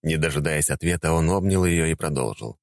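A man narrating a fantasy audiobook in a calm, even manner. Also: a bass voice, a little fast, gravelly, dry recording, studio quality.

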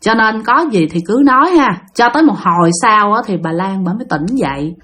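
A woman's voice: mid-range voice, animated, a little fast, pushed and bright. A woman telling a ghost story casually, talking straight to her listeners. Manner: chatty, addresses listeners directly.

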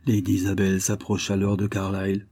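A man reading a classic novel aloud in a measured, literary narration. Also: low voice, monotone, warm tone, dry recording, studio quality. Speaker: audiobook reader.

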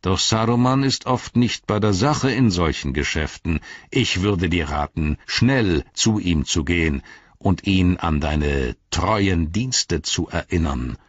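A man playing a stern old wizard with a very deep, husky, measured voice. It sits dry and close, with a slightly dull sound. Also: lively intonation, no room sound, heavily acted. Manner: low, grave, measured.

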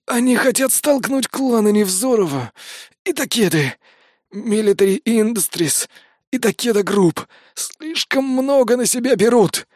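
A man's voice: very high voice, lively intonation, measured pace, darkish tone, no echo, studio quality, voice pushed up, heavily acted. A man voicing a dying male mercenary who groans and pleads in an audiobook. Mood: strained. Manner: groaning, pained.

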